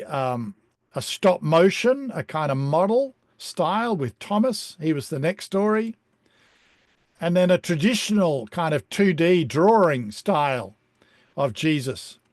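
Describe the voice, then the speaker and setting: A man presenting an online beginner lesson over a video call, speaking in a relaxed, chatty way with frequent ums. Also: a little high, dry recording, studio quality. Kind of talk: casual explanatory talk on a video call.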